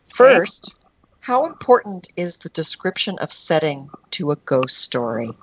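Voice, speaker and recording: A woman's voice: lowish voice, very animated, a little slow, slightly rough, dry recording, low-quality recording. A woman co-hosting a podcast, putting scripted questions to a guest. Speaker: podcast co-host, interviewer.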